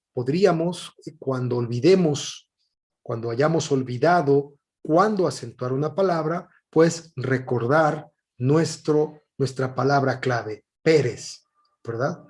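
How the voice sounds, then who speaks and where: Male teacher, slightly high voice, unhurried and patient lesson delivery. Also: a little mellow. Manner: patient, explanatory, with frequent "eh" pauses. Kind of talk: recorded classroom lesson.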